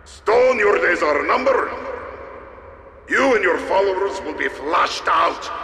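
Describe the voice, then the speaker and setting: A man's voice: high-pitched, lively intonation, pushed and bright, heavily acted. A man playing a pompous, vengeful Soviet military commander, speaking as a dramatic video game villain. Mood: solemn, vengeful. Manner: pompous, threatening, slow oratory. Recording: echoing hall with long reverb, music behind.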